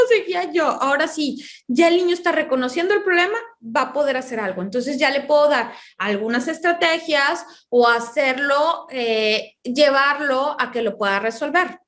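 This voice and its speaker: A woman's voice: high-pitched, fairly bright tone. A woman, a psychologist guest in an interview, explaining through long personal anecdotes and acting out the dialogue. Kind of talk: conversational interview.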